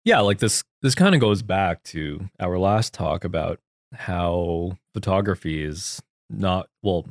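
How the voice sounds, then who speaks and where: A low-pitched man co-hosting a casual podcast. He talks loosely, doubts himself aloud and curses offhand. The recording is dry and close. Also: lively intonation, slow, no room sound. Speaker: podcast co-host. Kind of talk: casual conversation.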